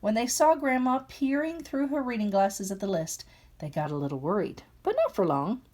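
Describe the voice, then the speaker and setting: An older woman reads a storybook aloud with an animated, rising-and-falling delivery and a mellow, warm tone. She drops in chatty little asides between the pages. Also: on the high side, moderate pace. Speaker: grandmother reading aloud.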